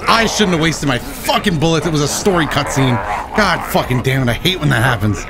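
Excitable, sweary male game streamer. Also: a little high, fairly quick. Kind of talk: casual, joking live game commentary. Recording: faint game noise behind. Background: horror game audio.

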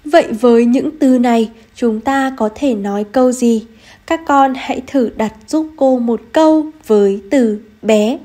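A woman teacher giving an online reading lesson to first graders, speaking gently and spelling out each sound slowly and clearly. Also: a little high. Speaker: primary school teacher.

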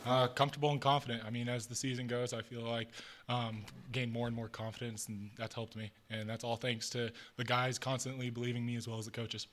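Bright-voiced young quarterback at a press table. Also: male voice, medium pitch, brisk, a little hiss or hum. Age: young adult. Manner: relaxed, modest, short answers with many ums. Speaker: college quarterback. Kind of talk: post-game press conference answers. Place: press room with logo backdrop. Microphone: table mic in front of him.

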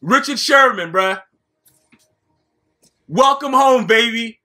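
A young man hyped up like a frat bro, swearing and using slang as he hosts excited gameplay commentary. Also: very high-pitched, slow. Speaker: gamer, video host.

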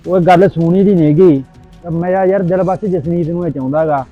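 A man's voice: high voice, steady tone, a little fast, dull audio, faint music behind. A man acting in a short drama, insistent and defensive. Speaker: actor in a short Punjabi drama. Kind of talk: amateur short-film acting.

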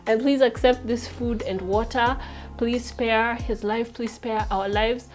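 Brief: a humble wife begging for mercy, voiced by a woman, earnest, high-ish voice, soft music. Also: fairly even intonation, measured pace, close to an everyday voice. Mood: pleading. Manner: pleading, earnest. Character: humble pleading wife bowing low.

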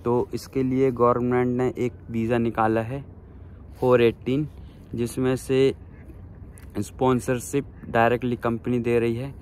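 Holding his phone out at arm's length, a man in his thirties records a casual vlog in an overcast waterfront town, earnestly encouraging his "friends" with job advice. His medium-pitched, slightly mellow voice keeps a level tone and measured pace, against slight background noise.

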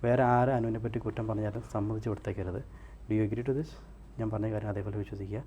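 A man working as a stage hypnotist, leading a guided induction with slow, soothing counting that sinks to a hush. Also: lowish voice, flat delivery, husky.

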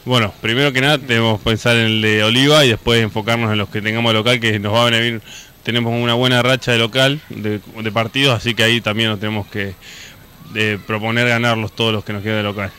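A man's voice: on the low side, flat delivery, fast talker, pushed and bright, clear, resonant tone. A young man with an Argentine accent, a basketball player giving plain, modest answers in an interview. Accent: Argentine Spanish.

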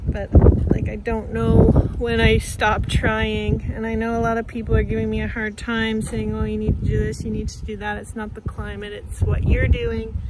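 A Canadian beekeeping vlogger in her thirties inspects a hive in her backyard bee yard, thinking aloud and sounding disappointed in casual commentary. Her voice is fairly high. She films selfie-style with a phone held close, and the phone mic picks up loud outdoor noise.

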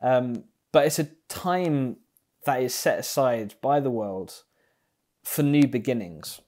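In a small indoor room at home, a young man preaches an online sermon through an earphone mic, facing the camera. His medium-pitched, slightly mellow voice moves unhurriedly and thoughtfully, dotted with many ums.

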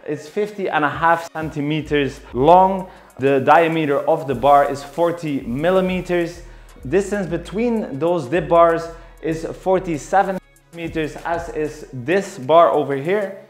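A man's voice: a little high, measured pace. A young man in his twenties giving a detailed, explanatory product review of home gym equipment, recorded indoors on a camera mic at mid distance. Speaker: fitness reviewer. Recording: echoey room with faint music.

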